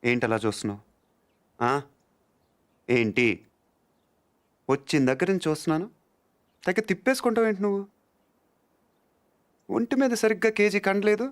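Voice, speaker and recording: An actor playing a cool young man who teases in a dry, deadpan way in a film comedy scene. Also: high voice, moderate pace, long pauses, lightly acted. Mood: deadpan teasing. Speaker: film character.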